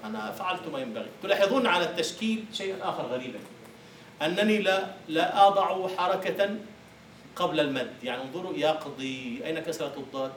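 A man's voice: fairly high pitch, fast talker, recorded from a distance, a little hiss or hum. Guy teaching a lecture, keeps asking the class questions and answering them, echoey room. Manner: explains with rhetorical questions. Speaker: university lecturer.

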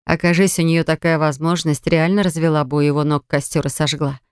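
A woman reading a novel aloud as an audiobook narrator, in a steady storytelling manner. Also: deep voice, fairly quick, smooth, no room sound, studio quality. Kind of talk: scripted narration.

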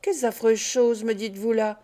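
A woman voicing a kind and gentle young lady who speaks softly and soothingly, in a read-aloud novel. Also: a little high, steady tone, normal speed, close to an everyday voice.

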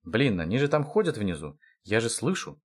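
A man's voice: on the low side, big pitch swings, normal speed. Man doing a greedy cheeky old grandfather. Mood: chewing, careless. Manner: brash, chewing while talking.

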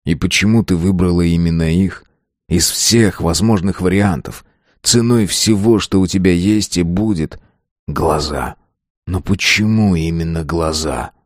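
A man's voice: deep voice, normal speed, dry recording, studio quality, natural voice. A man doing a harsh, short-tempered young man. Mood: quiet bewildered. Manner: gruff, scornful.

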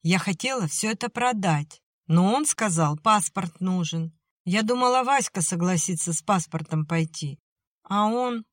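A woman's voice: animated, unhurried, no room sound, studio quality. Woman putting on a sobbing defiant young girl. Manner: tearful, pleading, high-strung.

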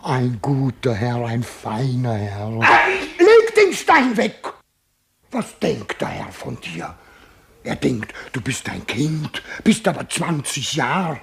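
In a German radio play, a male actor voices a simple, good-hearted jailer who is coaxing and fussy, his colloquial speech swinging from hushed murmurs to exclamations. The medium-pitched voice is slow and creaky with huge pitch swings, heavily acted in a soothing, chatty mood, over slight background noise.

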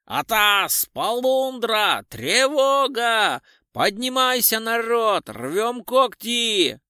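A man voicing a shaggy, drunk male tramp who talks loud, brash and slangy. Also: on the high side, animated, slow, dry recording, studio quality. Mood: wild yelling.

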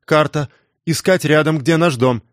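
A man voicing a halting teenage boy. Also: a little high, no echo, studio quality, voice pushed up, lightly acted. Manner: halting, telegraphic short phrases.

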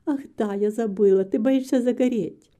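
A carefree, chatty rich young lady, as a woman reader puts her on from a storybook. She teases lightly and speaks a bit higher than the narrating voice. The tone stays dark and mellow. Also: normal speed, lightly acted. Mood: teasing. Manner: chatty, teasing.

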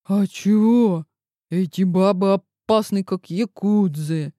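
A man's voice: sits high, slow, dark tone, no echo, studio quality. A man doing a rambling, grumbling bodyguard. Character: chatty male bodyguard, ex-commando, grumbling. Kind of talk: audiobook reading.

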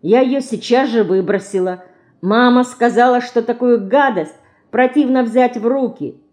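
A woman's voice: a little high, measured pace, darkish tone, voice pushed up, natural voice. A woman reading an audiobook, voicing an earnest, sensible schoolgirl who is the older sister.

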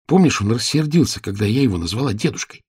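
A man's voice: mid-range voice, lively intonation, fast talker, darkish tone, slightly rough, dry recording, clean studio sound, voice pushed up. A man voicing a timid, mischievous young girl disguised as a page, in a storybook reading. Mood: eager.

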